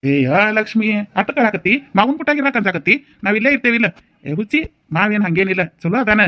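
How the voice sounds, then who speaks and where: A man's voice: high voice, animated, fast, sharp tone, no room sound, clean studio sound, voice pushed up. A man voicing a teasing, comforting young village brother in a cartoon, with a North Karnataka Kannada accent. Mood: coaxing. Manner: teasing and coaxing. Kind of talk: cartoon voice acting.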